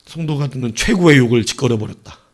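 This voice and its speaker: A male pastor preaching a sermon, telling the story with animated bursts as he acts out quoted lines. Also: mid-range voice, fast talker.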